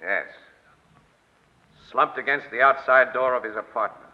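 An actor playing a wry, cool-headed crime photographer who talks in slangy tough talk in old-time radio detective drama style. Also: male voice, medium pitch, unhurried, lightly acted. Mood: terse, probing. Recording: dull vintage radio recording.

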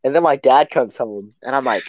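A man's voice: mid-range voice, normal speed, darkish tone, no echo, muffled recording. A teenage boy co-hosting a podcast, telling a long rambling story full of fillers and acted quotes in casual chat. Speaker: podcast co-host.

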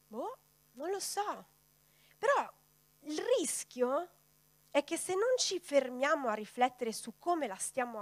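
A woman with a fairly high voice preaches a sermon in a dry, close sound. She keeps turning to her listeners with direct rhetorical questions. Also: fairly bright tone, dry recording.

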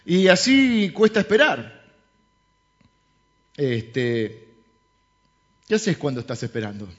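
A man's voice: fairly high pitch, sing-song, slow pace. A man with a Rioplatense Spanish accent preaching a sermon as a pastor, joking and conversational, full of rhetorical questions. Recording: slightly dull lo-fi sound.

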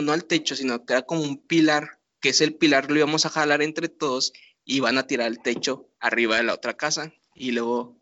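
Young Mexican man, lively slangy storyteller, bright voice, dull lo-fi recording. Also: on the high side, no room sound. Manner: laughing, animated retelling with slang. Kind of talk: casual storytelling. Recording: dull lo-fi sound.

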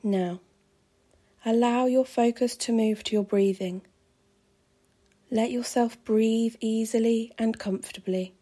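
A woman calmly guiding a pregnancy relaxation meditation with slow, soothing, measured phrasing. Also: on the high side. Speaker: meditation guide.

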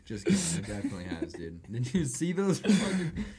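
A young man talks like a frat bro on a casual podcast. His pitch swings widely as he jokes and swears in loose slang. It sounds like banter between friends. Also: wildly swooping pitch, brisk, a loud crowd. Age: young adult. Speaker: podcast co-host. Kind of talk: casual chat.

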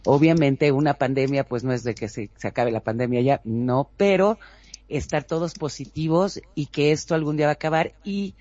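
A man's voice: fairly high pitch, normal speed, darkish tone, no echo, muffled recording. A man co-hosting a radio show, speaking earnestly and encouragingly. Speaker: co-host. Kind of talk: casual radio chat.

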